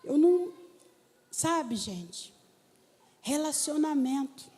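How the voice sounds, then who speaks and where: A woman pastor preaching a sermon, telling stories and talking straight to the congregation in an animated way. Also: high voice, slow. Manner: animated storytelling preacher, talks to the congregation directly. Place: church hall. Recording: church hall with long reverb.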